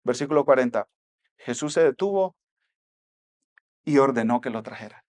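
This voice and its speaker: A man with a Mexican accent preaching a sermon as pastor, swinging between soft asides and loud exhortation. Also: mid-range voice, lively intonation, moderate pace.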